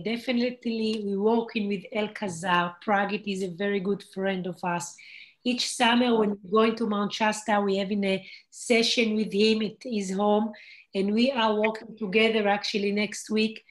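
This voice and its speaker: A woman's voice: mid-range voice, fairly even intonation, normal speed. A woman hosting an online spiritual group, speaking earnestly in non-native English with frequent grammar slips. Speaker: host of spiritual group meeting. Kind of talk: casual group talk.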